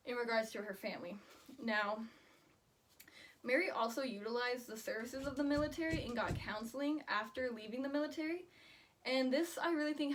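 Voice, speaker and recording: A woman student giving a prepared oral presentation on her research in an earnest, explanatory manner. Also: on the high side. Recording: distant microphone.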